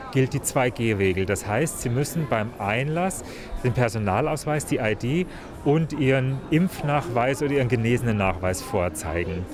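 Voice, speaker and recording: A man of average pitch speaks as a city official in an interview. He explains rules in a measured way, with clear music behind him outdoors. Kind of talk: interview statement.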